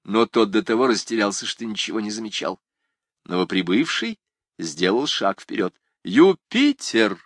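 A man narrating a literary novel with a dramatic, expressive delivery. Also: fairly low pitch, moderate pace, no room sound, studio quality. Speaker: audiobook narrator.

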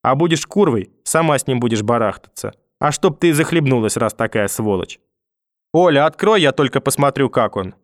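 A man's voice: mid-range voice, animated, moderate pace, no echo, clean studio sound, lightly acted. A man voicing a hysterical, manipulative old grandmother who wails, pleads and curses through a door in an audiobook reading. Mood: pleading threatening. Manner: wailing, pleading then cursing through a door.

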